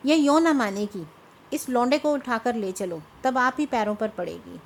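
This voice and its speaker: A woman's voice: fairly high pitch, normal speed, slight background noise, natural voice. A woman voicing a bossy male robber who gives orders. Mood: commanding. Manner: commanding. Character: bossy male robber leader, gruff and commanding.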